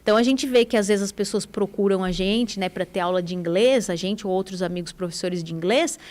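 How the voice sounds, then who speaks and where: A woman's voice: medium pitch, fairly quick, a little mellow. A Brazilian woman in her forties, an English teacher, talking casually on a radio show with enthusiasm and frequent tag questions.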